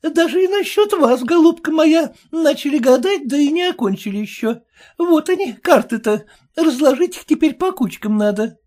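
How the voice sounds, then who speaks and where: Lady putting on a sing-songy fawning market woman, bouncy and high. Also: animated, moderate pace, dark tone. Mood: wheedling. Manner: wheedling, ingratiating, sing-song. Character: fawning chatty middle-aged woman peddler. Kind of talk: audiobook reading.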